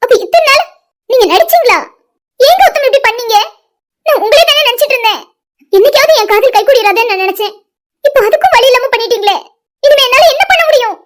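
Brief: a jilted young cartoon woman, very high and quick, pleading through tears. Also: animated. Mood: heartbroken. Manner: pleading, tearful questioning. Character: heartbroken young woman betrayed in love. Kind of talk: cartoon voice acting.

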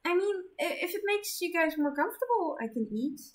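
A woman's voice: animated, brisk. A woman doing Zenith, a stammering shy angel girl. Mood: flustered. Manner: stammering, high and nervous. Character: shy, flustered young female angel.

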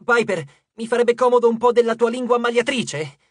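A narrator voices an eager, determined teenage girl, pitching above their own natural voice. The delivery is mid-range and a little fast, recorded as clean studio sound with no room tone.

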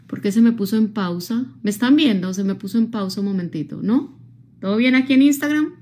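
A woman's voice: a little high, a little fast. A woman, from Colombia, giving a live-streamed motivational talk, speaking expressively straight to her viewers and often checking in with them. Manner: expressive, addresses viewers directly, frequent tag questions.

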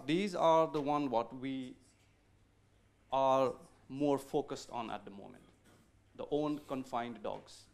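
A middle-aged man from Nepal gives a conference presentation at a podium microphone. His delivery is polite and a little halting, full of ums and restarts as he walks through his slides. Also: mid-range voice, darkish tone.

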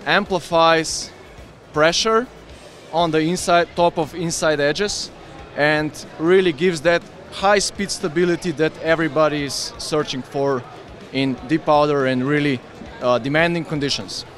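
Eager man pitching skis at a trade fair. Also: steady tone, measured pace, fairly bright tone, soft background music. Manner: enthusiastic, explains with hand gestures. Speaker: ski brand representative. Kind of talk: trade fair product interview. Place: busy indoor trade fair hall. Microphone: handheld interviewer mic with windscreen.

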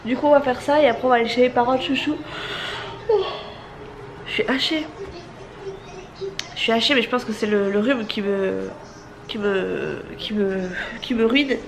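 Fighting a cold that has her nose stuffed up, a family vlogger in her thirties chats and rambles to a handheld camera at arm's length in her apartment, with frequent restarts, fillers, and long pauses. She speaks at a normal speed in a fairly high voice with vocal fry, and the audio is poor.

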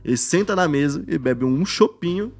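A man co-hosting a podcast in casual chat, slangy and animated, often acting out other people's voices. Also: on the high side, moderate pace. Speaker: podcast co-host.

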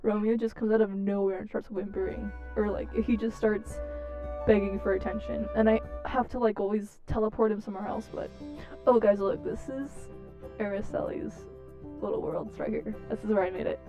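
A woman with a lisp commenting on her game in a lively, up-and-down voice. Her tone is mellow and warm. She talks in nervous, self-conscious chatter. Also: medium pitch, normal speed, muffled recording, faint music behind. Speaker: let's play gamer.

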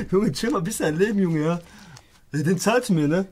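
High voiced dude raging at a footy game on stream, swearing, voice jumping all over. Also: male voice, very animated, normal speed, darkish tone, a little hiss or hum. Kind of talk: casual gaming stream banter.

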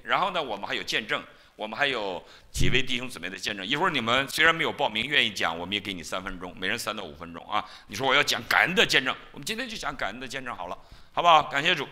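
A male pastor with a lowish voice preaches rapid-fire in a church, telling stories with animation and acting out the lines of biblical figures.

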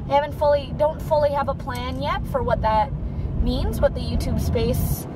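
A young woman in her twenties vlogs casually to a dashboard-mounted camera while driving at night, rambling with plenty of fillers. Her voice sits high and her pace is moderate, and the camera mic picks up road and car noise.

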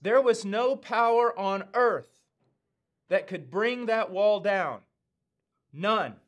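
A man in his fifties with an American accent, preaching a sermon in a slow, earnest, emphatic way with weighty pauses, seated in a studio. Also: high voice. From United States. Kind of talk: sermon teaching. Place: studio with dark backdrop, indoors.

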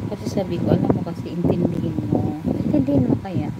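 A woman's voice: lowish voice, a little fast, lo-fi sound. A woman chatting casually on her livestream and acting out her arguments with a lot of laughter. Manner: animated storytelling, acts out quoted arguments, laughs often. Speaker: vlogger on a livestream. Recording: loud background noise with vehicle sounds.

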